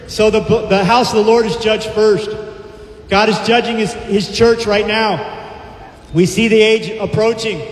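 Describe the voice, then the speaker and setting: A middle-aged man with a very high voice preaches a street sermon in a park by palm trees, emphatically declaiming scripture with frequent praise interjections. He speaks through a handheld microphone and loudspeaker, caught by a far camera, giving echoey, hall-like amplified sound outdoors with slight background noise.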